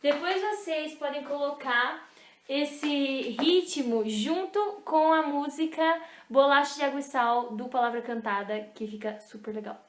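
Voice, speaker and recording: A young woman teaching an online music lesson, slowly and patiently explaining rhythms and chanting syllables to the beat. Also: sits high. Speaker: music teacher for a youth club. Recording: echoey room, faint noise.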